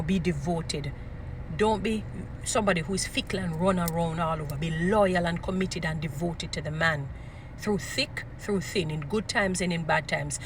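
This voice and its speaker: This relationship advice speaker has a fairly low, strong voice and a Jamaican accent. In an informal motivational talk she gets preachy and emphatic, repeating short phrases for effect, against a noisy background.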